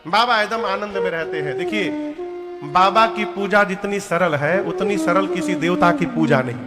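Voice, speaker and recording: High-voiced preacher singing a sermon. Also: male voice, normal speed. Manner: animated storytelling, chanted verses, voices for characters. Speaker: kathavachak storyteller preacher. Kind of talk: devotional katha sermon with sung verses. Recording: large hall with long reverb. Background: devotional music playing.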